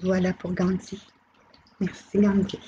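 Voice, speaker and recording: Slow, mellow Québécois woman medium. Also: lowish voice, completely flat delivery, muffled recording, a little hiss or hum. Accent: Québécois French. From Quebec. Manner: slow, gentle, relays messages, greets viewers by name. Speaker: medium hosting a live channeling session. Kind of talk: live stream chat with viewers.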